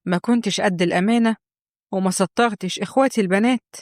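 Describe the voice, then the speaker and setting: A woman's voice: medium pitch, quick pace, darkish tone, dry recording, clean studio sound, lightly acted. A woman voicing a scheming, nagging mother-in-law who scolds and guilt-trips in Egyptian Arabic. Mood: guilt-tripping.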